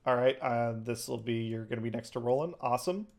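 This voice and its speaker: A man's voice: medium pitch, quick pace, creaky, darkish tone. A man narrating a tabletop role-playing game as game master, improvising and chatting casually.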